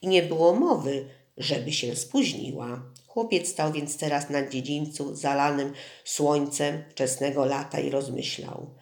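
An audiobook narrator reading in a steady, measured way at a middling pitch. The voice carries a roomy echo. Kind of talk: scripted narration.

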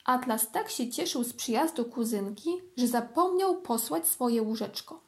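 High-voiced woman reading a children's story. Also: lively intonation, measured pace.

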